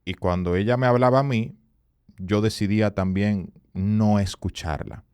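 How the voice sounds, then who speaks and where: A man, a communication consultant, telling earnest stories as a podcast guest, emphatic and rising in pitch when he quotes people. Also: normal speed, darkish tone, clean tone, no echo, clean studio sound. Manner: earnest, emphatic storyteller who rises in pitch for quoted voices. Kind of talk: storytelling in a podcast interview.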